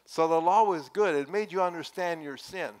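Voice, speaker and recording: A fairly high, slightly mellow male voice preaches at a moderate pace from a wooden church pulpit. The older pastor sounds earnest and conversational, his emphasis carried by rising inflections. His words come through a headset mic in the sanctuary.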